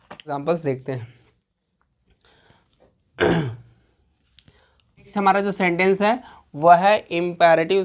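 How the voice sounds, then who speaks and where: A woman teaching an exam-prep grammar lesson, explaining step by step with frequent rhetorical questions and check-ins. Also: lowish voice. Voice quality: clears throat now and then.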